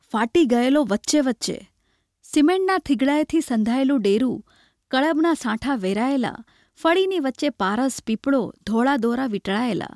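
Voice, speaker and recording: A woman reading a literary short story aloud in a measured, expressive way. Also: fairly high pitch, vocal fry, no room sound, studio quality. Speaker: narrator.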